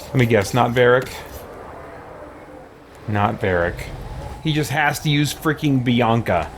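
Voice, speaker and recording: A gaming video host thinks aloud over a casual playthrough, muttering to himself with mild exclamations. His voice is medium-pitched and he takes it slowly, with clear background noise.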